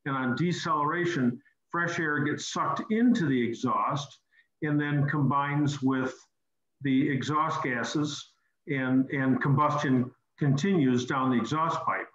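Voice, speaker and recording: Guy hosting a car tech call, explains slow and repeats himself, roomy slightly dull audio. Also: medium pitch, fairly bright tone. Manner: explanatory, repeats words while thinking. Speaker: host. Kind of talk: technical call-in chat.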